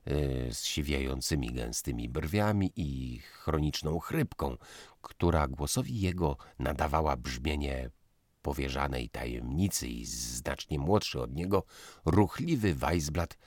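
A man narrating a literary audiobook in a measured, expressive reading. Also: a bass voice, no echo, studio quality.

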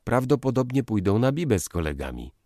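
A man's voice: deep voice, wildly swooping pitch, normal speed, a little mellow, no echo, studio quality, pitched above the performer's own voice, heavily acted. A man voicing a smug young graduate in a lightly raised, teasing voice.

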